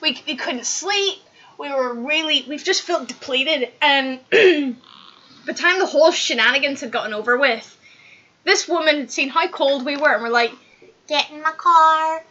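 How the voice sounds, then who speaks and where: A woman, a guest on a stream, telling a story in a giggly, animated way. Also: high-pitched, normal speed. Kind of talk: casual chat. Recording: muffled lo-fi stream audio.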